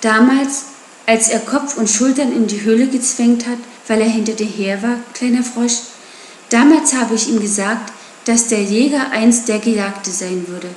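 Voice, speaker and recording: A woman's voice: on the high side, moderate pace, darkish tone, reverberant, a little hiss or hum, lightly acted, rough recording. A woman voicing a proud, protective mother wolf, grave in tone.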